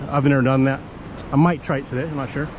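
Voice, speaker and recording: A man's voice: mid-range voice, fairly even intonation, fast, highs cut off. A man casually chatting and pointing out sights and prices while walking outdoors on a busy promenade. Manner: easygoing, narrates prices and sights to camera. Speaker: vlogger. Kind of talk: casual walking vlog chat. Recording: outdoor street noise. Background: passing cars and street noise.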